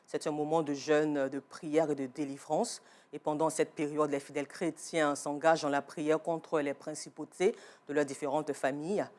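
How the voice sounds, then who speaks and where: Female news anchor, Ivorian French accent, steady read with hesitations. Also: low-pitched. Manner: measured, with frequent hesitations.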